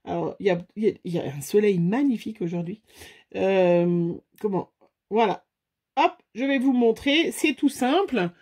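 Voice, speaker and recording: A woman's voice: medium pitch, lively intonation, moderate pace, darkish tone. A woman hosting a casual crafting tutorial, chatty and full of fillers, talking straight to her viewers. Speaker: craft video host.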